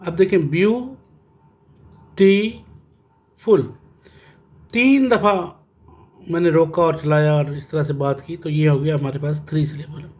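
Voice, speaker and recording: A man with a Pakistani accent teaching an English grammar lesson, speaking slowly and repeating key words as he checks whether his students are following. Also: fairly high pitch, darkish tone. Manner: slow, repetitive teaching with frequent "ji" checks; addresses students fondly, reads English text aloud.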